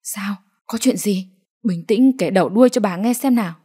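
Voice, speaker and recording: A woman voicing a flustered elderly village grandmother who scolds in rapid bursts. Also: mid-range voice, warm tone, husky, close to an everyday voice. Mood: alarmed. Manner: scolding, frantic, rapid-fire.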